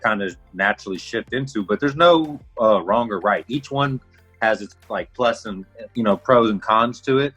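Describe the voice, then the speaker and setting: A man's voice: lowish voice, moderate pace, a bit bright, breathy edge, poor audio. A young man from Houston, Texas, a music producer guest talking casually in an interview, laid-back with lots of filler words. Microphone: livestream call.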